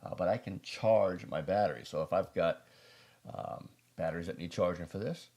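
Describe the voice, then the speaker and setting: Hosting a prepper video, an American man reviews a product casually, rambling along in a folksy, self-deprecating manner. His voice is low and warm, and he keeps a moderate pace.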